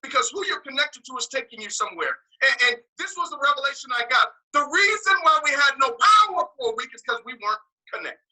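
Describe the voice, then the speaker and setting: A man's voice: extremely high pitch, expressive, fast, hardly any pauses, bright, forceful tone, rough recording. A man born in the US and raised partly in Nigeria, preaching to a congregation in an emphatic way, repeating key words and making joking asides. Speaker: speaker giving a morning message.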